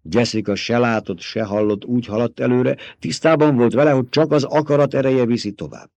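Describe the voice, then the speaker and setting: A man reading an audiobook aloud with dramatic, tense storytelling that drops to a hush at times. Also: medium pitch, creaky, no room sound. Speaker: audiobook narrator. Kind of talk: scripted audiobook narration.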